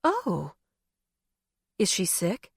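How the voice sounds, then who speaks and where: A woman voicing a calm female therapist who asks measured, gently probing questions. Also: mid-range voice, gravelly, slightly rough, no echo, clean studio sound, exaggerated voice.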